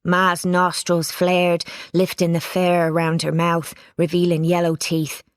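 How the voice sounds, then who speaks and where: A woman reading a children's storybook aloud, giving it lively expression. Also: on the low side, unhurried, clean tone, no echo, clean studio sound. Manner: lively character voices, plain narration. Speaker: audiobook reader. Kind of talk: storybook narration.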